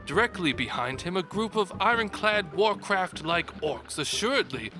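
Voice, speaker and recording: Over background music, a man delivers a scripted game review in a dramatic, mock-grand style. His voice is high, with lively intonation and a moderate pace.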